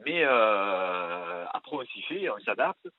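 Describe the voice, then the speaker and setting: A man with a Marseille accent, an actor guest telling rambling, animated stories with many fillers in a radio interview. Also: on the low side, slow, no room sound. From Marseille, France. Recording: tinny phone-like radio sound.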